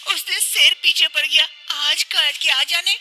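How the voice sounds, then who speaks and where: A performer voicing a timid, fretful young village daughter-in-law in a cartoon, in a high, squeaky, worried voice. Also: female voice, fairly even intonation, a little slow, bright, forceful tone, heavily acted, poor audio. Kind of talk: cartoon voice acting.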